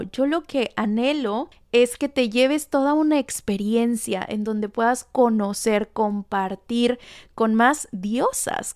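A woman speaks in a resonant, polished voice that sits a little high. She talks enthusiastically and directly to the listener in a motivational spiritual monologue. The sound is close and dry, with no room around it. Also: smooth, dry recording. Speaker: podcast host.

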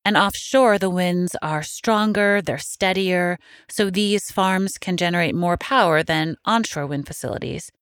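A woman's voice: lowish voice, unhurried, hardly any pauses, fairly bright tone, smooth, dry recording, studio quality. A woman co-hosting a podcast, narrating the story in a light, conversational way. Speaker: podcast co-host.

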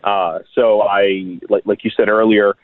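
A man in his thirties from Miami, a guest on a radio show, talking earnestly and haltingly with many restarts and fillers. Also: fairly low pitch, little pitch movement, dry recording. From Miami, United States. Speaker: guest writer. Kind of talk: radio interview over the phone. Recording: tinny phone line.

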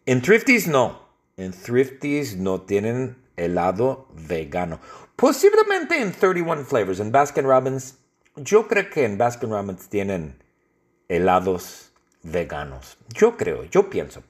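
Slow husky-voiced man telling absurd tales. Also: lowish voice. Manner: halting, repetitive, deadpan storytelling. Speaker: podcast host. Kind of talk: improvised absurd comedy story.

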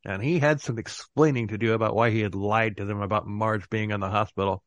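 A man's voice: lowish voice, steady tone, fairly quick, no echo. A man hosting a podcast in casual chat, laughing often as he talks. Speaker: podcast host.

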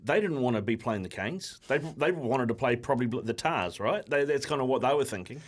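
A man's voice: mid-range voice, animated, a little fast. A man hosting a sports radio show in a casual, conversational style.

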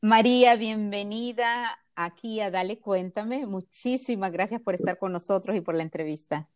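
A woman's voice: mid-range voice, normal speed, a little mellow, soft background music. A woman hosting an interview, introducing her guest with enthusiasm. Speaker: interview host. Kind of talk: podcast interview.

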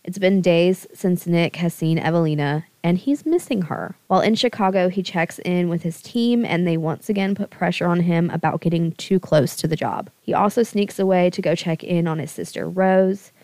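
A woman co-hosting a podcast, briskly summarizing a novel's plot in casual chat and laughing now and then. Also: lowish voice, darkish tone, no echo. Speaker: podcast co-host. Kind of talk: book recap, casual chat.

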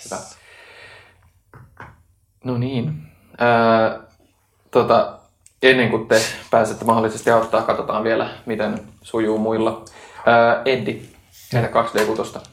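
A man running a tabletop game as game master, narrating the scene calmly with occasional filler sounds. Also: fairly low pitch, pauses often, reverberant.

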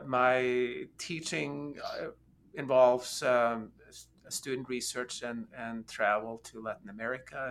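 A man's voice: medium pitch, fairly bright tone. A man from Norway, a guest professor in an interview, hesitant with many "um"s and restarts. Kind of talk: casual interview talk.

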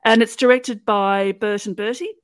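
A woman's voice: mid-range voice, steady tone, normal speed, clean tone, no echo. A woman hosting a podcast, walking through an episode in a playful, chatty storytelling way. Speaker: podcast host recapping episodes. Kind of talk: casual chat, episode recap.

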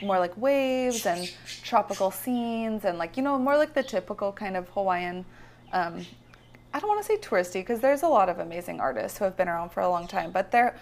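A creaky, medium-pitched voice comes from the visionary artist guest, a California woman interviewed in her home. She talks casually about her life and art, rambling with frequent fillers and restarts.

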